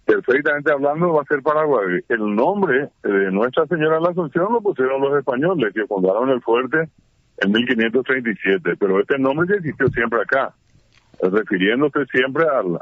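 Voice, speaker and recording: A man's voice: mid-range voice, expressive, moderate pace, breathy edge, no echo. A man as a radio interview guest, explaining at length with many fillers and restarts. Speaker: guest, Guarani scholar. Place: at home during heavy rain. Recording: tinny phone line.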